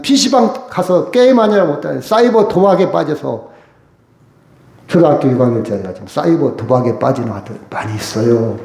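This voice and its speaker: Gravelly-voiced pastor preaching. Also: male voice, on the high side, roomy sound. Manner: lively, rising and falling emphasis, rhetorical questions. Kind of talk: sermon. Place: church sanctuary.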